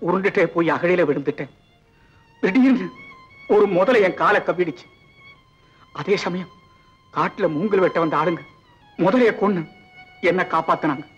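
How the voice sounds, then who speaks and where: An actor playing a humble, injured estate manager who speaks earnestly and deferentially, in a 1960s film. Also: male voice, high-pitched, normal speed, long pauses, slightly rough, faint music behind. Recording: dull old film soundtrack.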